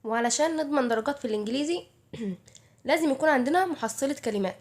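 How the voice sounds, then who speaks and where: A woman's voice: sits high, animated, fast. A woman with an Egyptian Arabic accent giving casual study advice to her viewers, chatty and answering her own rhetorical questions. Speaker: YouTuber giving study tips.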